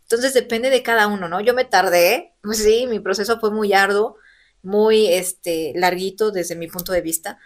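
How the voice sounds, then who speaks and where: A woman, in her thirties, telling her personal story as an interview guest, earnest and animated. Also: medium pitch, normal speed. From Mexico. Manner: earnest, animated, acts out quoted voices. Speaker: interview guest, elected local legislator.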